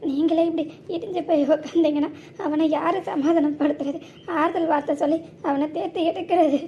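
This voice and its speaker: A woman's voice: sits high, fairly even intonation, fairly quick, warm tone, slight background noise. A woman voicing an anxious mother in a cartoon, speaking in a pleading, tearful way. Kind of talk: cartoon voice acting.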